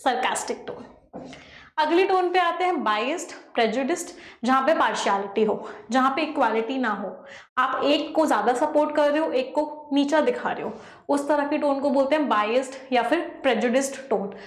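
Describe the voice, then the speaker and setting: A woman teaching an exam-prep lesson in a lively way, asking the class rhetorical questions. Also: sits high, normal speed, roomy sound. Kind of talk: online lesson.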